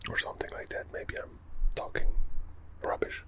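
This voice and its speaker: A young man from Europe, whispering a casual, chatty ASMR talk as the host of his channel. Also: normal speed.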